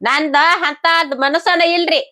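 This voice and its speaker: A woman's voice: high voice, fairly even intonation, measured pace, sharp tone. Woman playing a scolding village wife. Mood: arguing. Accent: North Karnataka Kannada. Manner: argumentative, defensive, scolding. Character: sharp-tongued wife quarrelling with her husband. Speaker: wife in a comedy skit.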